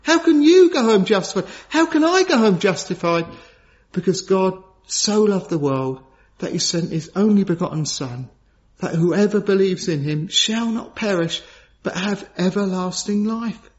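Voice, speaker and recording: High-voiced solemn male preacher, lo-fi. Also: animated, a little slow. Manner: earnest, solemn, repeats key phrases for emphasis; swings from raised urgent questions to low hushed gravity. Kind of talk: sermon. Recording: dull lo-fi sound.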